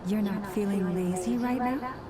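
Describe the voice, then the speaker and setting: Woman voices courteous, gentle game heroine, mid-range pitch, loud music underneath. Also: normal speed, natural voice. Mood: politely curious. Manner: courteous, soft-mannered, inquisitive. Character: polite, gentle antlered young woman. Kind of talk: scripted video game dialogue.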